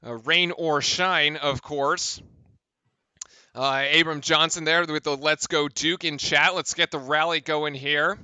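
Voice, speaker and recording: A man with a bright, ringing, fairly high voice calls the game play-by-play for a fan livestream. He talks fast and turns to chat between plays, raising his voice on big plays. The sound is clean and close, with no room echo. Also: smooth. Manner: excitable, shouts on big plays, chatty with chat. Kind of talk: live fan commentary.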